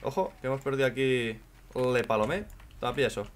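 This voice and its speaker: A man from with a hoarse voice, commenting on his own gameplay in casual chat, joking and swearing a lot. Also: medium pitch, fast, a little hiss or hum. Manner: swears a lot and jokes, shouts when in danger.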